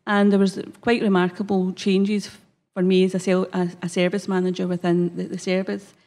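Speaking into a gooseneck microphone at a lectern, a Scottish health service manager presents prepared remarks on a conference hall stage. Her mid-range voice is mellow and level, at a normal pace, with a broad Glasgow accent and some hesitancy marked by frequent ums.

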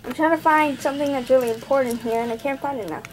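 This young Indian-accented woman talks fast in a high-pitched voice during a casual unboxing vlog at her home desk. She reviews a gadget while thinking aloud and correcting herself, on a noisy home camera recording.

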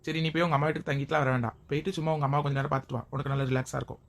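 Woman voicing a caring young husband, low and very fast. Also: steady tone, a little hiss or hum. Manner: gentle, reassuring.

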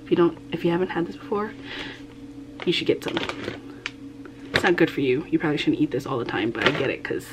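A woman's voice: deep voice, expressive, fast, long pauses, background noise. Young woman half-whispering in her kitchen. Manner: quiet, half-whispered show-and-tell. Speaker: vlogger. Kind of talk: casual vlog talk. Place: home kitchen, indoors. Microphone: camera on the counter.

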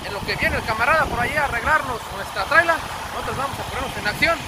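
This truck driver and vlogger speaks with a Mexican accent and an extremely high, expressive voice, rattling along fast. His trucking vlog is casual, slangy and friendly, treating the audience as pals, and the clear outdoor recording picks up wind and passing vehicles.

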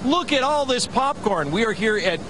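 A man's voice: extremely high pitch, animated, normal speed. An American man reporting live in a playful, projecting way, interviewing on location from inside a factory. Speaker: TV news reporter. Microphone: handheld reporter microphone. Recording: clear machinery noise.

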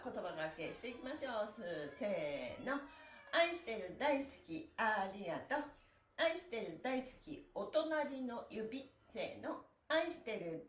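Hoarse the morning after a performance and party, a middle-aged woman hosts a casual stretching livestream, leading the exercises with counted chants. Her slightly hoarse voice is on the high side with lively pitch swings, and she is chatty, cheerful and very polite. She is recorded from camera distance in a small bare-walled room, so the sound is roomy and echoey.

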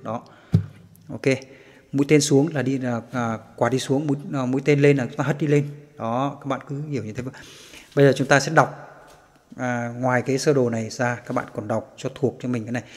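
A man's voice: mid-range voice, fairly even intonation, brisk, big-room sound. A man giving a casual guitar lesson, patiently chanting the strum directions aloud. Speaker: guitar teacher.

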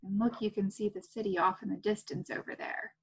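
A woman teaching a first grade class, reading a picture book aloud in a playful, gentle way and making animal sounds. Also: medium pitch, steady tone, brisk, vocal fry, husky. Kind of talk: read-aloud lesson for young children. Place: home.

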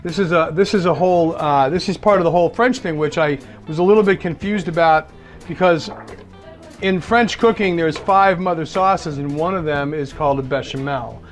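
Clear music plays beneath the entire clip as a middle-aged Massachusetts man, his voice on the high side for a male, casually demonstrates a dish for his dinner guests. At a moderate pace, he explains each step while cooking, stays chatty and relaxed, and pokes fun at himself.

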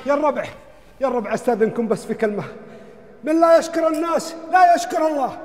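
High-pitched, effusive Bedouin Arabic tribesman. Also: fast, over music. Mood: loud proclaiming. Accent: Gulf Bedouin Arabic. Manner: effusive, loud flattery and praise. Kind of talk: sketch comedy acting.

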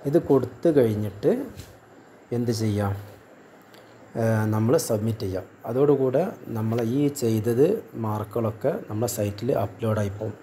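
A man's voice: lowish voice, moderate pace, pauses often, warm tone, a little hiss or hum. A man walking viewers step by step through an online task, often asking and then answering his own questions. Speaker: tutorial vlogger. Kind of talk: screen-recorded how-to walkthrough.

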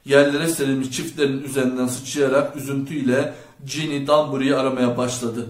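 A male audiobook narrator telling the story in a measured, even way. His pitch sits in the middle range. A noticeable roomy echo surrounds his voice. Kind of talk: scripted narration.

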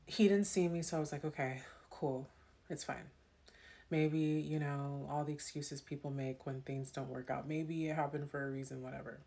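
A young woman telling a personal story in a casual, animated way, with many fillers. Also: low voice, brisk, creaky, few pauses.

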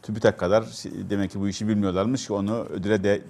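A man discussing local news in a TV studio, pausing often to search for words. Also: fairly low pitch, level tone, darkish tone. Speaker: local TV commentator. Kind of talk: casual studio chat.

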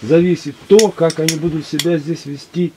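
A man speaking in casual conversation, measured and reflective. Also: on the high side, fairly even intonation, noisy background. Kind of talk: casual chat.

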